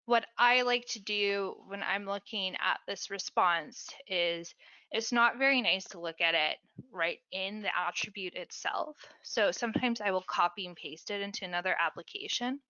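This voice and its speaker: Bright-voiced woman explaining on a call. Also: mid-range voice, clean tone, dry recording, highs cut off. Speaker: support specialist. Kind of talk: casual webinar explanation.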